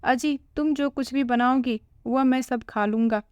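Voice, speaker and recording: A woman's voice: high-pitched, steady tone, measured pace, a little mellow, clear, resonant tone, no echo. A woman voicing a sick, elderly father-in-law who speaks in a weary, resigned way.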